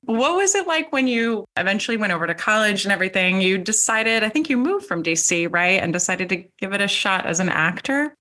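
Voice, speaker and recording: A woman's voice: medium pitch, lively intonation, fairly quick, hardly any pauses, sharp tone. A woman hosting an interview podcast, upbeat and enthusiastic as she introduces her guest and asks questions. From born in Switzerland, raised abroad. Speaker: podcast host.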